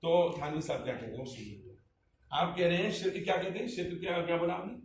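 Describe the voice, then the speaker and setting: A man's voice: fairly high pitch, animated, fast talker. A man, an Islamic cleric, explaining a religious point in an emphatic, rhetorical way, putting repeated questions to a listener. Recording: echoey room, distant mic, faint ambience.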